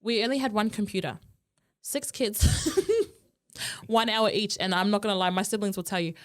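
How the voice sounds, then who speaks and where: Animated laughing woman telling family stories. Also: medium pitch, normal speed. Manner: animated, laughing storyteller who acts out family voices. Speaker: podcast co-host. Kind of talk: casual chat.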